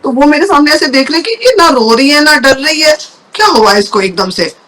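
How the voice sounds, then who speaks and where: A woman's voice: sits high, expressive, normal speed, a bit bright. A woman guest telling a personal faith story in conversation, speaking earnestly and repeating words for emphasis. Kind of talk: emotional personal testimony in conversation.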